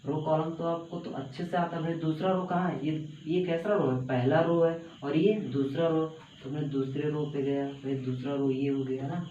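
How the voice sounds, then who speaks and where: A man's voice: a little high, steady tone, normal speed, few pauses, dark tone. A man teaching a math lesson at a board, repeating steps and coaxing students along. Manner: repetitive, coaxing, says "bhai" and "hai na" often. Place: classroom with a small board. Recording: echoey room, slightly dull audio with faint background noise.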